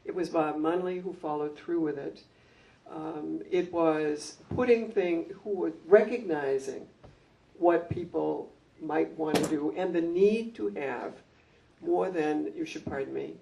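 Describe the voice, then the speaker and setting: An older woman, a former school principal, reminiscing at a community gathering in an anecdotal, measured way with frequent ums. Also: deep voice, creaky, muffled recording, noisy background. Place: library meeting room. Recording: distant mic.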